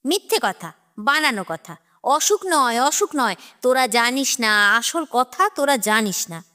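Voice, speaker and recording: A woman voicing a distraught older mother who is mentally unwell and lashes out in shrill, erratic outbursts. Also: sing-song, unhurried, pushed and bright, heavily acted. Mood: agitated.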